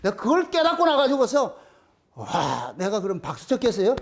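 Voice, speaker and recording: A middle-aged man, preaching a sermon as pastor, telling stories animatedly and dropping low to voice God's replies. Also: huge pitch swings, normal speed.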